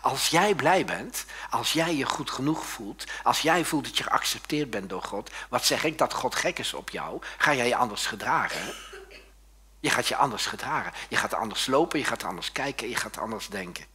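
A male preacher delivers a sermon, his pitch swinging widely as he jokes and keeps turning to the congregation with quick tag questions. His voice is husky yet forceful. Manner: lively and joking, often tags questions to the congregation. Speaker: pastor.

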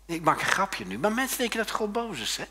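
A male preacher delivers a sermon, his pitch swinging widely as he jokes and keeps turning to the congregation with quick tag questions. His voice is husky yet forceful. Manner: lively and joking, often tags questions to the congregation. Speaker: pastor.

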